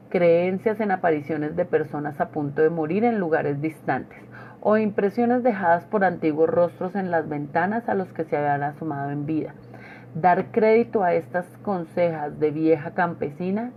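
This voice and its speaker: A woman reading a horror story aloud, with careful literary phrasing and occasional stumbles she corrects herself. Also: on the low side. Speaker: reader. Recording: tinny phone-like sound with faint noise.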